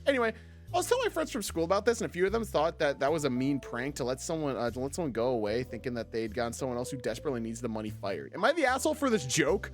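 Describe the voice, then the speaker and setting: Animated young man chatting on stream. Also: mid-range voice, rapid-fire, soft background music. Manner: animated, swears freely, lots of fillers. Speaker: streamer reading stories. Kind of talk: casual stream chat.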